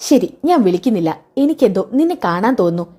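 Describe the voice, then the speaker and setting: A woman's voice: mid-range voice, very animated, fast talker, mellow. A woman voicing an obsessive, insistent young husband who pines for another woman. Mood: pleading.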